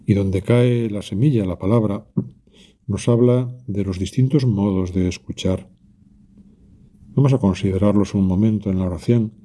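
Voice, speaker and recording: A man with a fairly low, very dark and mellow voice, leading a quiet prayer meditation. He talks calmly and reflectively, addressing Jesus directly and pausing often between phrases. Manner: calm, reflective, speaks directly to Jesus with pauses.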